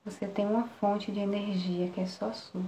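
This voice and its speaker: A Brazilian woman guiding a relaxation meditation in a soft, soothing spa-like manner, with long pauses between short phrases. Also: mid-range voice, level tone. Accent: Brazilian Portuguese. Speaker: meditation guide. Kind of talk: guided relaxation meditation, live. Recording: roomy echo, faint background noise.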